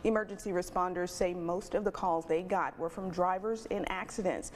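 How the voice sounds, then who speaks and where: A woman's voice: lowish voice, fairly even intonation, a little hiss or hum. Woman anchor reading evening news. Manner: crisp, measured newsreading.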